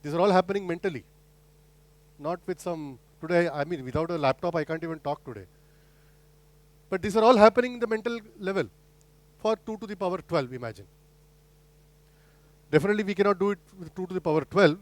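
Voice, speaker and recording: High-voiced man lecturing. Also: expressive, brisk, long pauses, no room sound. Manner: explanatory, poses rhetorical questions, frequent restarts. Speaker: guest lecturer. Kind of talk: academic lecture.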